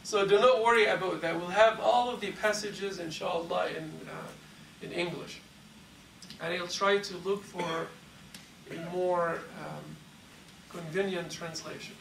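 This is a mosque class lecture by a man whose high voice is a bit bright, with vocal fry and fairly even intonation. He explains at a measured pace and answers students' questions in a large carpeted hall, recorded on a lapel mic and a distant camera that pick up echo and faint hiss.

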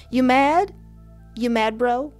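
A young woman with a high, slightly mellow voice streams from her desk, narrating a visual novel and adding cheeky, sassy commentary. Faint game music plays, and she's recorded on a headset and close desk mic.

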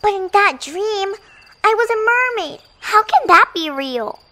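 A woman voicing a sweet, earnest young mermaid girl in an animated game story. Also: very high voice, a little slow, exaggerated voice. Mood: earnest, puzzled.

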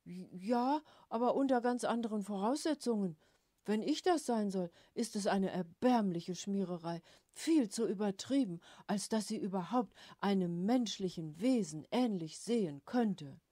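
Woman doing a gruff loud vain dad, slow and mellow. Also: fairly low pitch, animated, dry recording, studio quality, heavily acted. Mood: indignant. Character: blustering middle-aged German father, vain.

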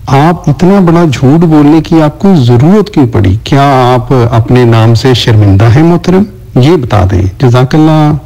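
A man's voice: mid-range voice, lively intonation, dark tone, rough recording. A man in a recorded voice message, insistently repeating pointed questions to his opponent. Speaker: debater in voice messages.

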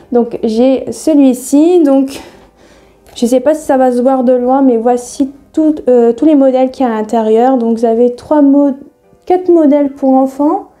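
A woman's voice: sits high, mellow. A woman chatting casually in a sewing haul video, rambling with many hesitations and laughing at herself. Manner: self-deprecating, easily laughing. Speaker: sewing vlogger.

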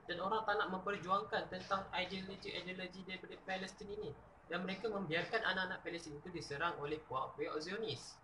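A young man with a Malaysian accent talks straight to the camera, earnest and direct. His voice is bright and edged, a little high for a man. The room around him is echoey, with a faint hum behind. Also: fairly even intonation, fast talker. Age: young adult. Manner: switches between earnest talk and mocking skits. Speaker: sketch vlogger. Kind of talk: video commentary with skits. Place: dormitory room, indoors. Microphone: camera mic at short distance.

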